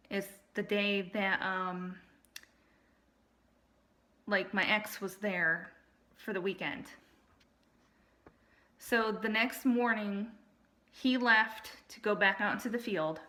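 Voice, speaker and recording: Bright, forceful woman telling a personal story. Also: medium pitch. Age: adult. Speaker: storyteller recounting personal family experiences. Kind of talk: casual personal monologue.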